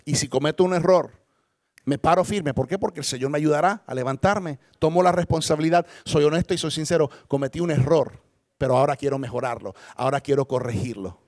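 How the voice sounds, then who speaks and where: Brief: male pastor, higher-pitched voice, dry close sound, emphatic sermon delivery with big swings. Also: a little fast, no echo. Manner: emphatic, dramatic swings in pitch and loudness, rhetorical questions.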